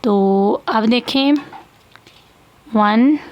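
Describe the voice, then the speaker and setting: A woman's voice: on the high side, drawn-out words, muffled recording. A woman teaching English grammar to students, explaining patiently and repeating key points. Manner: patient, repeats points, checks in with "theek hai". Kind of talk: slow classroom explanation of grammar.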